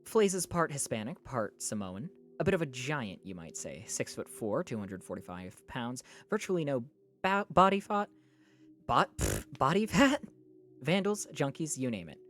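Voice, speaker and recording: A streamer reading a novel aloud live, trading exasperated retorts with chat between passages and dropping lower and slower for the narration. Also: very animated. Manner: argues back at chat in exasperated bursts.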